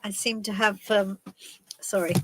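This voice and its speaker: A woman with a mid-range voice and fairly even intonation talks a little slowly over background noise. She's travelling and doing casual tarot card readings on a live stream, rambling and chatty with many ums and restarts, stuffy and coughing from a head cold.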